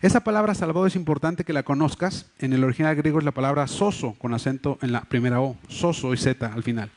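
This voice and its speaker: A man's voice: medium pitch, fast talker, a little mellow. A man preaching a sermon as pastor, with a Mexico City Spanish accent, explaining earnestly with many fillers and restarts. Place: church hall. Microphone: livestream microphone.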